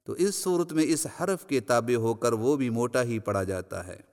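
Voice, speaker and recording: Male tajweed teacher, smooth resonant voice in a long reverberant hall, brisk explanations and slow drills. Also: mid-range voice, darkish tone. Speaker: Quran recitation teacher. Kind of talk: tajweed pronunciation lesson.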